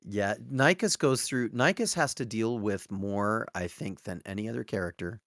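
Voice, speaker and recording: Low-voiced man, thoughtful and halting. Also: a bit bright, dry recording, studio quality. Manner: thoughtful, searching for words. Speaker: podcast co-host. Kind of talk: casual book discussion.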